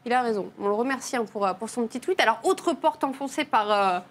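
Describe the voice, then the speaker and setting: Bubbly fast-talking woman host. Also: on the high side, animated. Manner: bubbly, quick, playful. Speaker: TV show host. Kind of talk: lively studio chat.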